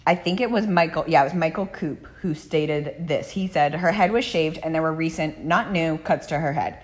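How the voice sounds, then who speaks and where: A woman's voice: deep voice, normal speed. A woman hosting a true crime podcast, telling the case in a casual, blunt way with frequent swearing. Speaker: podcast host.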